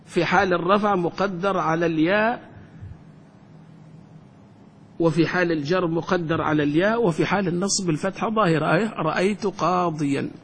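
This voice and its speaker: A sheikh teaches grammar, his voice sitting high for a man. He keeps asking the class questions and stretches out each example slowly. The sound carries a long hall reverb over a faint low rumble. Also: fairly bright tone. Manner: quizzes the class with repeated questions, drawn-out example phrases.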